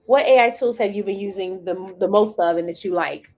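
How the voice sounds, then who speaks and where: A woman hosting a casual live chat, sassy and animated, acting out what she says to the software. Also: medium pitch, a little fast. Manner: animated, sassy, acts out quotes. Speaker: host.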